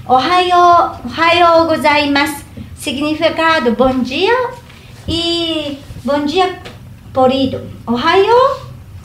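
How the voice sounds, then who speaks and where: Woman teacher, high voice, slowly models greetings, roomy echo. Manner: slow careful demonstration of each phrase. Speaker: Japanese teacher. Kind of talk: language lesson. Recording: echoey room, faint hum.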